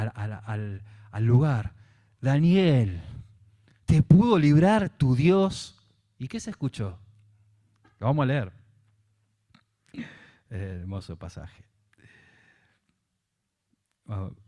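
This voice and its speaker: A man's voice: fairly low pitch, mellow. A man with a Rioplatense Spanish accent, preaching a Sunday sermon and animatedly acting out the biblical dialogue. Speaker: pastor.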